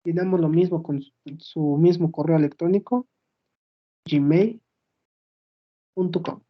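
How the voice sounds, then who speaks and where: A woman's voice: on the low side, lo-fi sound. A woman explaining a database app step by step in a screen-recorded demo, checking in with her audience as she goes. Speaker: student presenting a project.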